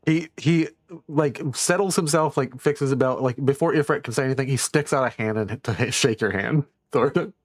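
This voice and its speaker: A man narrating a tabletop roleplaying game as game master, improvising haltingly and often repeating words. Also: mid-range voice, no room sound, clean studio sound.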